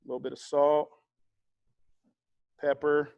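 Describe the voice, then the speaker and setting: A man leading a casual cooking demonstration, chatty and relaxed, explaining each step with fillers and friendly asides. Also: on the high side, unhurried, gravelly, clean tone, no room sound, lo-fi sound. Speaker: cooking instructor.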